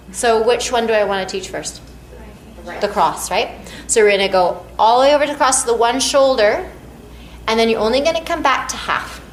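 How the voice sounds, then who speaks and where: A woman teaching massage technique to a class, counting out strokes and cheering the students on. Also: on the high side. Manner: counts out strokes, encouraging and upbeat. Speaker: massage instructor. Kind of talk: hands-on teaching demonstration. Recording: echoey room, faint background.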